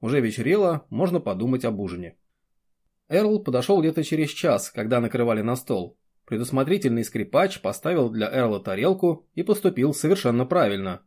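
A man's voice: medium pitch, sing-song, brisk, dark tone, husky. Man reading an audiobook. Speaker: audiobook narrator. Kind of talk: scripted narration.

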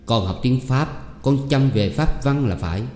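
A man voicing an earnest middle-aged father who explains things patiently and in a measured way, in a storybook reading. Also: mid-range voice, expressive, a little mellow, lightly acted. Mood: lecturing. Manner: measured, instructive, sentence by sentence. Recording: reverberant hall with faint music.

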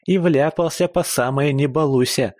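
A man's voice: on the high side, normal speed, a little mellow, no echo, clean studio sound, pitched above the performer's own voice, natural voice. A man putting on a scolding young woman. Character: sharp-tongued young woman, scolding companion. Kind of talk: audiobook character voice.

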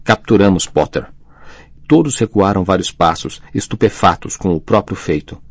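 A male audiobook narrator reads in a steady, measured way. His voice sits very low, and the close studio recording is dry with no room sound. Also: slightly rough, no room sound. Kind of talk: scripted narration.

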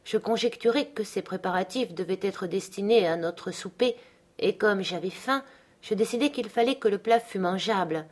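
A woman narrating a classic novel in the first person, in a measured reading. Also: medium pitch. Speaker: audiobook reader. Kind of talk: literary audiobook narration.

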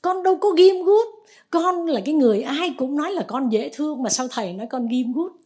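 A woman's voice: on the high side, expressive, normal speed, a little mellow. A woman voicing a troubled male lay Buddhist disciple who pleads and defends himself. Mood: protesting.

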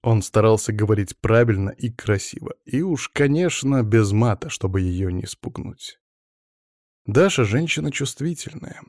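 In a clean studio recording free of room sound, a male narrator reads an audiobook at a steady, measured storytelling pace, his voice sitting in the mid-range.

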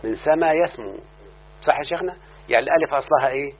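A man's voice: a little high, racing. A man with an Egyptian Arabic accent leads a classroom lesson, firing questions at his listeners and waiting for their replies. The recording is thin and phone-like, with a faint hum running underneath. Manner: keeps quizzing listeners for answers. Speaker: teacher.

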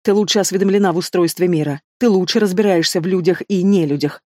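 A stern, overprotective werewolf father, as an audiobook reader voices him, middle-aged and commanding. He growls orders at his daughter in a storybook reading. Dry, close sound with a mid-range pitch. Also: quick pace, warm tone, dry recording, close to an everyday voice. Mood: angry.

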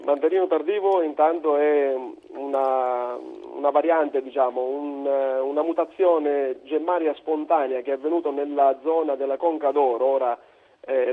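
A man with a Sicilian accent giving unscripted interview answers, haltingly searching for his words. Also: medium pitch. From Sicily, Italy. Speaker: interview guest, fruit producer. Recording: narrow tinny phone-like line.

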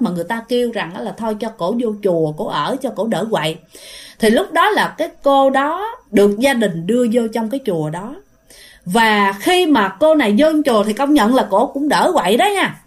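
A woman with a Southern Vietnamese accent and a voice on the high side tells a ghost story in a chatty, casual way, often speaking directly to her listeners.

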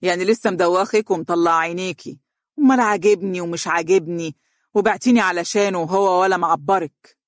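A man's voice: high-pitched, fairly even intonation, brisk, dry recording, studio quality, lightly acted. A man voicing a jealous, resentful engineer with an Egyptian accent in an audiobook. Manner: resentful, mocking. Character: jealous, angry male engineer, adult. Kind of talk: audiobook character reading.

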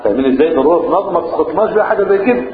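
A man's voice: on the high side, lively intonation, rapid-fire. A man with an Egyptian accent, a sheikh teaching a lesson on Quran recitation rules, who chants verses and keeps asking his class questions. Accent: Egyptian Arabic. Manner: questions the class and prompts answers. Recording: echoey, tinny, with a crowd behind.

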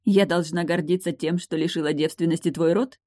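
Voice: mid-range voice, steady tone, fairly quick, darkish tone, dry recording, clean studio sound, close to an everyday voice. A narrator voicing a proud, hurt woman who speaks coldly and sarcastically in an audiobook. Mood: bitter. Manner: cold, hissing, sarcastic. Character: sharp-tongued proud woman, hurt and angry. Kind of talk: audiobook character voice.

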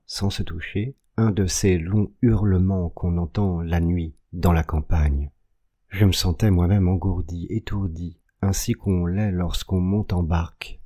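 A man reading a literary story aloud as an audiobook narrator, in a measured, dramatic storytelling manner. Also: sits low, mellow, breathy edge. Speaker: audiobook reader.

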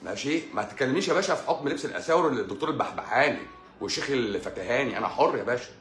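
A man's voice: medium pitch, lively intonation, racing, a bit bright. A man with an Egyptian Arabic accent, a doctor answering viewer comments in a live-stream monologue, sarcastic and scolding, repeating phrases for emphasis. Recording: echoey room with faint music.

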